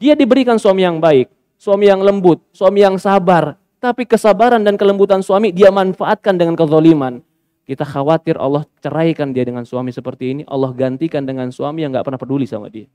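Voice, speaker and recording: Male preacher giving a lecture, high pitched and dry, forceful emphasis. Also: fairly quick, clear, resonant tone, no echo. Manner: emphatic, with rhetorical questions and exclamations. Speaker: Islamic preacher. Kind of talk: religious study lecture.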